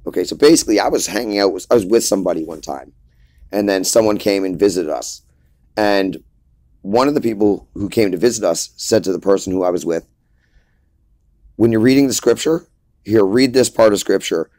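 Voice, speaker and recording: Emphatic, lecturing man with a low voice. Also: fairly quick, a little mellow, no room sound. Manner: emphatic, lecturing, repeats points. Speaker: preacher. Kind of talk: informal preaching monologue.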